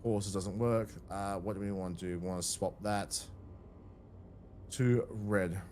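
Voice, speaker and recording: A young man chatting casually while gaming on stream, excitable and swearing, thanking viewers. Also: fairly low pitch, measured pace. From Australia. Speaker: gamer on a stream. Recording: loud background noise.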